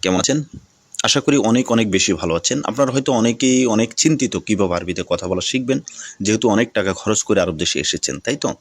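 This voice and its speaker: A man teaching a video language lesson, who repeats phrases slowly and mixes English words into his explanations. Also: lowish voice, breathy edge, dry recording.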